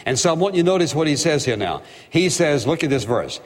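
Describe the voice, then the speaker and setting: A man's voice: fairly high pitch, big pitch swings, fast, big-room sound. A man preaching a sermon as pastor, with an emphatic, repetitive cadence and rhetorical questions.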